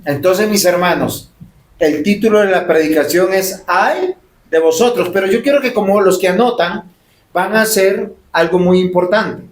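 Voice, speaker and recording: A man's voice: sits high, moderate pace. A man preaching a sermon as pastor, emphatic and full of rhetorical questions. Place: church sanctuary. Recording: roomy church echo.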